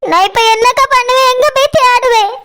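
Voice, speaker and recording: A woman's voice: extremely high pitch, a little fast, noisy background. A woman voicing a distraught young mother in a cartoon who weeps and pleads over her missing children, with a Kanyakumari Tamil accent. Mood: tearful, pleading. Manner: weeping, pleading and fretful. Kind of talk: cartoon voice acting.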